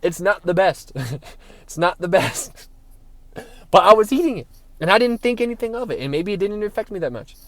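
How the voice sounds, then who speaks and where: A man's voice: sits high, lively intonation, fast talker, a bit bright, no echo. A young man in a casual monologue who talks in a heated, preachy way, swears and says "bro" a lot. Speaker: spiritual vlogger.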